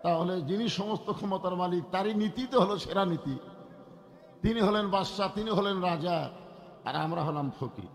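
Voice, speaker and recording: A man preaching a waz sermon to an outdoor gathering, calling out for crowd responses and rising into loud chanted lines. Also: high-pitched, big-room sound. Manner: rises to loud drawn-out chanted peaks.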